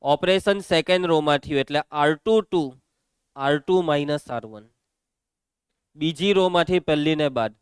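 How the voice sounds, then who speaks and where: A man teaching a maths lesson, walking students briskly through each step. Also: fairly high pitch, clear, resonant tone, no room sound.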